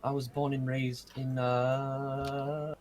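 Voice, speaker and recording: A man's voice: mid-range voice, level tone, takes it slowly, a little mellow, lightly acted. A man doing a flustered elven guard captain. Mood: courteous. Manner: flustered, stumbling, courteous. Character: polite elven guard captain, long-haired, modest.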